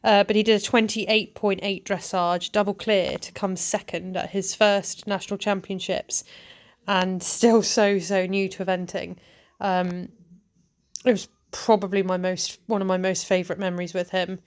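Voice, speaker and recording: Casual woman, vlog voice-over, rambling and chatty, mid-pitched. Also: flat delivery, normal speed. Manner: chatty, rambling, lots of ums. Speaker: vlogger and event rider. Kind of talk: casual voice-over over riding footage.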